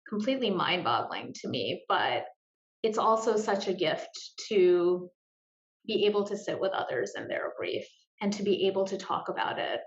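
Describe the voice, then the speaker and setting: A woman speaking earnestly and emotionally as a guest in an interview, with pauses and repeated words. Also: medium pitch. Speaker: guest, grief support group founder. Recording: roomy, dull lo-fi sound.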